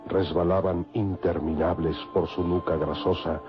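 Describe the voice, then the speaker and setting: A man's voice: low-pitched, fairly even intonation, moderate pace, lightly acted. A man giving dramatic scripted radio narration in a grave, florid storytelling manner. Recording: dull lo-fi radio with loud music.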